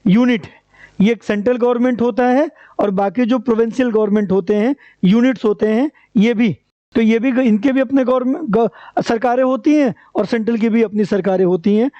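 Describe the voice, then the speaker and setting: This exam-prep lecturer is a man whose voice is very high and mellow, with no echo. He drills the material by asking rhetorical questions and supplying the answers over and over, captured in a dry, dull lo-fi recording.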